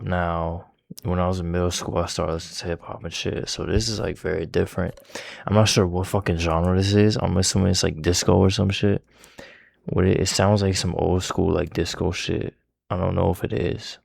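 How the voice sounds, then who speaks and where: A man's voice: low-pitched, little pitch movement, normal speed, gravelly, darkish tone, dry recording. A young man rambling casually as a music reaction host, talking with a slight lisp from his retainers and swearing often.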